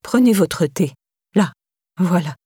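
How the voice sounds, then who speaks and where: A woman's voice: lively intonation, takes it slowly, mellow, breathy edge, no echo, studio quality, heavily acted. A woman reading an audiobook, voicing an anxious, insistent woman with a raised, urgent voice. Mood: soothing. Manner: urgent, pleading, higher-pitched.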